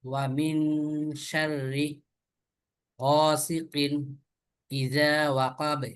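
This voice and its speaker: A male student reciting Quran verses very slowly and evenly for his teacher in an online class. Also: fairly high pitch, clear, resonant tone. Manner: very slow, even, drawn-out recitation.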